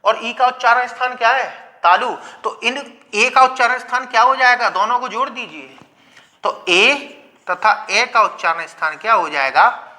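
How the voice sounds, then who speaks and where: A male teacher with a very bright, forceful tone delivers a video grammar lecture. He lays out each point slowly and repeats it. He keeps putting questions to his students and answering them himself. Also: very high-pitched. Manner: slow, patient explaining with repetition.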